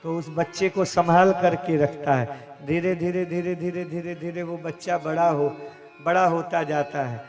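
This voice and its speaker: Man, devotional storyteller, slow dramatic telling, fairly high voice, faint music behind. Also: steady tone, darkish tone. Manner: slow, dramatic retelling with acted dialogue. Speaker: kathavachak, religious storyteller. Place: religious gathering, live event.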